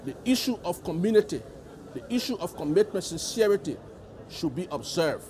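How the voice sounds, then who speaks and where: A man's voice: high voice, big pitch swings, a little fast, dark tone. A man with a Liberian accent giving formal interview answers as a delegate, stressing points by repeating his phrases. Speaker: government delegate being interviewed.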